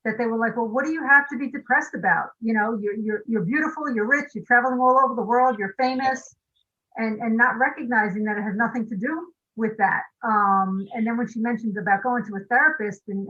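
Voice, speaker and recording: A woman on a discussion panel, speaking in a measured way with frequent "you know" fillers. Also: fairly high pitch, fairly bright tone, muffled recording.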